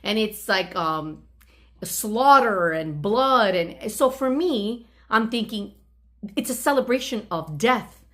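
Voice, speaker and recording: This video channel host, a woman with a mid-range voice, tells a personal story slowly and in an animated way. She keeps the tone casual and performs bits of dialogue as she goes.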